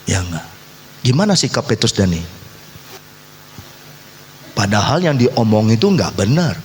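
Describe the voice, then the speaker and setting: Animated preaching man in echoey hall. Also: medium pitch, a little hiss or hum. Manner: animated, acts out quoted voices, teases the congregation. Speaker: pastor. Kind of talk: lively sermon. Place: church hall.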